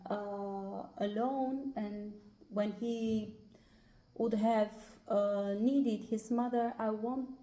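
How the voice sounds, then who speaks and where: Slow, hesitant Albanian-accented woman. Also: medium pitch, fairly even intonation, warm tone. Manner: hesitant, many pauses and "uh" fillers. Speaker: guest. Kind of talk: personal life story in an interview. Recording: roomy echo.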